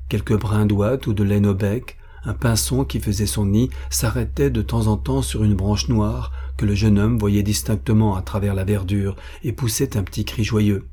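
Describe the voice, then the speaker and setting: A man narrating an audiobook of a classic novel, measured and expressive. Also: lowish voice, husky.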